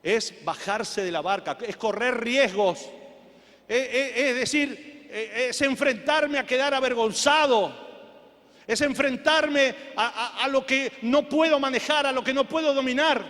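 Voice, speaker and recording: A male pastor delivering an impassioned sermon that swings from shouted declarations to quiet, low passages. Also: unhurried. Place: church sanctuary. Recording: long church hall reverb.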